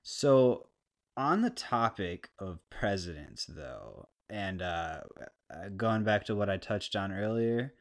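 A man with a harsh stoner skater voice, rambling casually and unscripted through a solo podcast with crude, self-deprecating humor, clearly recorded on a podcast mic. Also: lowish voice, very animated, slow. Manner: laid-back, rambling and unscripted. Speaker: podcast host. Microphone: podcast microphone, clean close sound.

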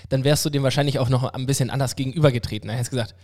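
A man's voice: medium pitch, steady tone, very fast, a little mellow. A man hosting a casual podcast, upbeat and teasing as he leads the talk and draws out his co-hosts. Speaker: podcast host.

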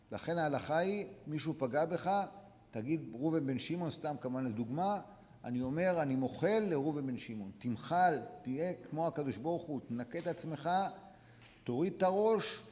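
Rabbi guy preaching at students, repeats himself a lot, goes from hushed to loud, long echo of a big hall, middle pitch. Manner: exhorting, repetitive, sharp swings from soft to loud. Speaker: rabbi teaching a class. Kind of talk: religious lesson to students.

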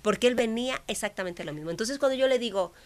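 A woman, a guest telling a personal faith story with lively acted-out dialogue. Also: on the high side, quick pace. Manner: expressive, acts out dialogue, drops to whispers. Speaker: guest sharing a faith testimony.

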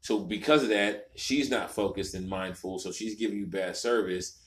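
A man's voice: lowish voice, normal speed. A man co-hosting a casual chat from a home garage, telling stories with emphatic asides. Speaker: podcast co-host.

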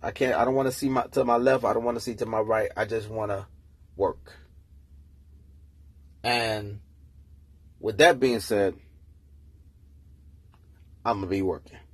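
Profane, husky man ranting on a podcast. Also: on the low side, unhurried, long pauses, no echo. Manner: profane, animated storytelling. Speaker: podcast host. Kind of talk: casual solo rant. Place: room, early morning.

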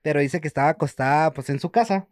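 A man's voice: on the high side, fast, dry recording. A man in his twenties with a Mexican accent, co-hosting a casual chat, slangy and playfully teasing, often laughing. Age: 20s. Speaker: podcast co-host.

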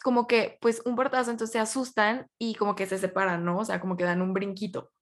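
A woman's voice: medium pitch, level tone, a little fast. A young woman with a Mexican accent, co-hosting a podcast and casually recapping a romance novel in a chatty way, full of fillers. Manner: chatty, with many fillers like "o sea" and "como que". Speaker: podcast co-host. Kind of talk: casual chat recapping a book.

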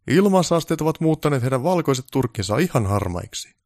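A man's voice: mid-range voice, very animated, darkish tone, no echo, clean studio sound, voice pushed up. A man voicing a pompous, snobbish male film director who barks orders in a haughty, raised voice.

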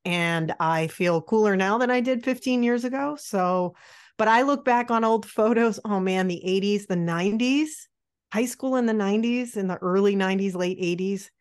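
A woman's voice: medium pitch, smooth. A woman in her late forties co-hosting a podcast, chatting candidly and poking fun at herself, with plenty of fillers. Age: 40s. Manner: candid, self-deprecating, chatty with many fillers. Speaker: podcast co-host. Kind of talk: casual chat.

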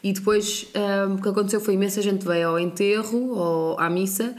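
A woman's voice: mid-range voice, fairly even intonation. A young woman with a European Portuguese accent, co-hosting a podcast in casual, reflective chat full of fillers. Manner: quick, reflective, full of fillers like "tipo" and "sim". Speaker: podcast co-host.

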